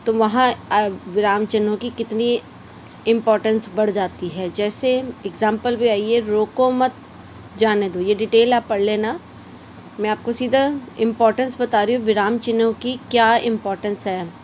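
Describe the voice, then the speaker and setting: A woman's voice: on the high side, steady tone, normal speed, darkish tone, slight background noise. A woman teaching a shorthand lesson in a casual way, explaining patiently and repeating her examples. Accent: Hindi-English mixed.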